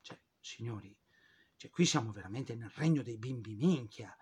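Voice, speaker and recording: A man's voice: medium pitch, expressive, brisk, a little mellow, slightly rough. A man telling history in an informal, chatty way, with frequent fillers and sarcastic asides. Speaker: history presenter.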